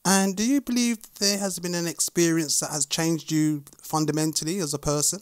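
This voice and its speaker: A man hosting a podcast and asking polite, measured questions. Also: a little high, steady tone, clear, resonant tone, dry recording, studio quality. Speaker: podcast host. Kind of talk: interview hosting.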